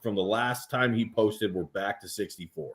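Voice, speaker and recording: A man's voice: on the low side, moderate pace. A man hosting a casual podcast about armwrestling, talking in a loose, profane storytelling way. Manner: profane, animated storytelling with acted quotes.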